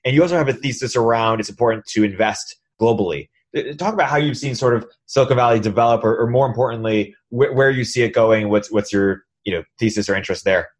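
A man interviewing a guest, asking questions in a brisk, conversational way. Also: mid-range voice.

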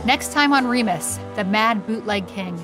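Female host narrator, measured scripted storytelling, faint music beneath. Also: medium pitch, expressive.

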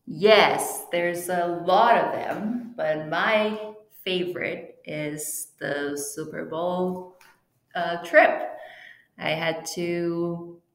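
A woman whose first language is Portuguese, a team travel planner, chats casually as an interview guest, very slowly and with fairly even intonation. Her voice sits a little low and echoes in a noticeably reverberant room, and she often uses fillers and restarts her sentences.

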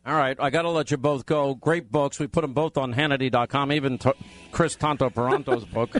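A man hosting a radio talk show, bantering with guests in a brisk, joking way. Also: medium pitch, fairly even intonation. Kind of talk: casual radio interview banter.

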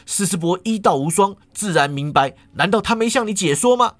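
A man's voice: on the high side, expressive, moderate pace, dry recording. A man voicing an earnest young martial-artist healer who protests his innocence, pleading and flustered. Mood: defensive.

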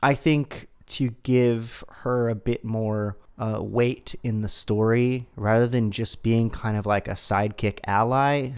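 A man co-hosting a casual chat about films, relaxed and joking, thinking aloud as he goes. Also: mid-range voice, unhurried, hardly any pauses, clean tone. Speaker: podcast co-host. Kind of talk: casual film review chat.

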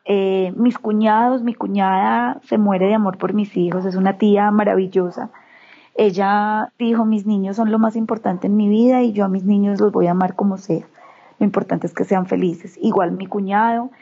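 A Colombian woman with a paisa accent tells a heartfelt family story, slipping into the voices of her relatives as she goes. Her voice is mellow and warm. The recording sounds a little dull and lo-fi. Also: medium pitch, moderate pace. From Colombia, Antioquia region. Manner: animated, acts out quoted relatives. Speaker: interview guest, mother. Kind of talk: emotional personal storytelling.

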